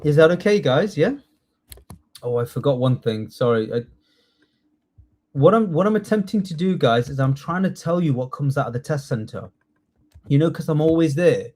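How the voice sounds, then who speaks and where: A man teaching a live online class, lively and coaxing, repeating key words slowly for his students. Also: a little high. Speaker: test training tutor.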